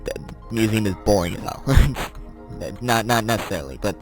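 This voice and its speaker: A teenage boy chatting casually while playing a game, rambling and correcting himself as he answers quick questions. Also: on the low side, over music. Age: teens. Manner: rambling, self-correcting, chuckling. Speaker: gaming vlogger.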